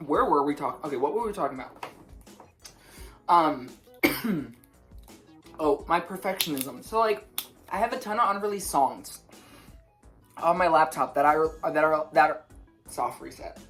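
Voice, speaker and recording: A young woman with a slight lisp, chatting to camera at home in a rushed, rambling way, often stumbling over her words, with faint music behind her. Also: low-pitched, animated, fairly bright tone. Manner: rushed, rambling, self-interrupting, stutters. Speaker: musician vlogger. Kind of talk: casual chat to camera.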